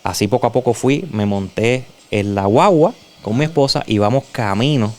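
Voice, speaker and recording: A Puerto Rican man giving an earnest, emotional personal testimony as a guest in a conversation, dropping soft and slow at heavy moments. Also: medium pitch. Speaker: podcast guest.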